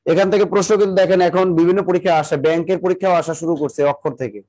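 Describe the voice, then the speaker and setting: A male teacher giving a live online exam-prep class, repeating definitions slowly so students can write them down and urging them to hurry. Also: high voice, steady tone, a little mellow. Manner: talks to viewers directly, greeting them by name and district.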